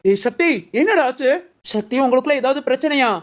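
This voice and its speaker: Brief: scolding cartoon village aunt, high voice, sounds a bit distant, put on by the lead performer. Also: a little fast, close to an everyday voice.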